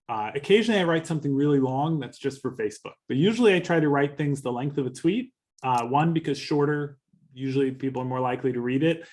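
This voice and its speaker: A man with a Californian accent giving a relaxed social media workshop, chatty and easygoing. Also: fairly high pitch. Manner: chatty, laughs easily, restarts phrases. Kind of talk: casual workshop talk.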